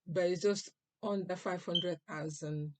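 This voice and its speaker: An older woman chats to her vlog viewers at a slow, easy pace, pausing often with fillers as she thinks. Her voice sits a little low. The recording is dry and close. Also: steady tone, no room sound. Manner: chatty, unhurried, with frequent pauses and fillers. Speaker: vlogger. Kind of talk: casual vlog talk to camera.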